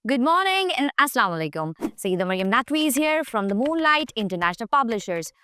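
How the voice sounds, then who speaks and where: A woman's voice: on the high side, big pitch swings, quick pace, bright, forceful tone, smooth. A woman with a Pakistani accent teaching a children's English phonics lesson in a sing-song, encouraging manner.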